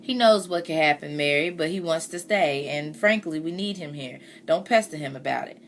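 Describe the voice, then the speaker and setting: A woman's voice: sits low, normal speed, slight background noise. Woman voicing a blunt, proud farmer father. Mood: firm. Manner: blunt, firm.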